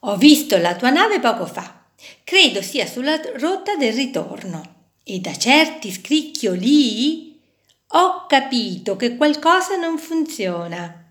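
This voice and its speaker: A woman voicing a kind, helpful male silver fish in a children's story, calm and reassuring. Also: sits high, slow, full character voice.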